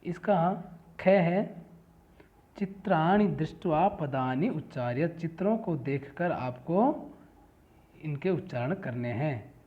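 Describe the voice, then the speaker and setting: A man's voice: on the high side, animated, takes it slowly. A man teaching a lesson, reading each word aloud and then giving its meaning. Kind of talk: classroom lesson explaining Sanskrit words. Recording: tinny phone-like audio.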